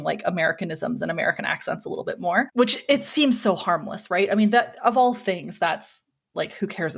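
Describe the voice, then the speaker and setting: A woman's voice: medium pitch, fairly bright tone. A woman in her thirties hosting a podcast, chatting casually and self-deprecatingly in a group conversation. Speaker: podcast host.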